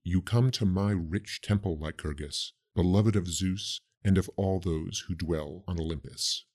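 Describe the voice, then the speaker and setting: A man voicing a solemn, cryptic ancient priestess who speaks prophecies slowly and gravely. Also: low voice, darkish tone, pitched below the performer's own voice. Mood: solemn prophetic. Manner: slow, grave, prophetic delivery.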